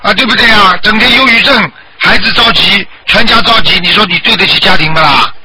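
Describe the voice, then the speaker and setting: A man's voice: high voice, fairly quick, rough recording. A man acting as a Buddhist master on a call-in show, lecturing callers and repeatedly asking whether they understand. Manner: scolding, lecturing, keeps asking if she understands. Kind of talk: call-in counseling. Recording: loud background noise.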